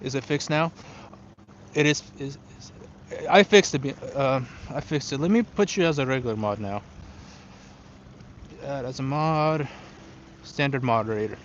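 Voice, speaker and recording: On a windy riverbank, a young Ukrainian who picked up English after relocating to the US runs a fishing livestream, replying to viewers informally in both English and Russian. He speaks at a measured pace with long pauses in a mid-range voice, over dull audio with slight background noise.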